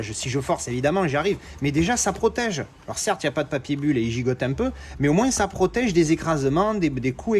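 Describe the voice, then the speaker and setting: A man, chatting excitedly through an unboxing, full of fillers and self-corrections. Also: fairly high pitch, slight background noise. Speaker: collector unboxing discs. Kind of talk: casual unboxing vlog.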